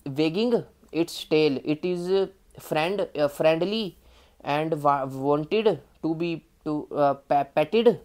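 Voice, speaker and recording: A man's voice: on the high side, a little mellow. A man with an Indian accent giving a casual spoken tutorial on exam preparation, chatty and informal, speaking straight to the viewer. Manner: chatty and informal, calling the viewer "yaar" and "bhai".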